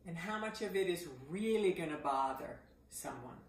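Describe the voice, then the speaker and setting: A middle-aged woman teaching voice exercises. She breaks into loud vocal sounds to show each exercise. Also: lowish voice, expressive, moderate pace. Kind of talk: voice exercise lesson. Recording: echoey room.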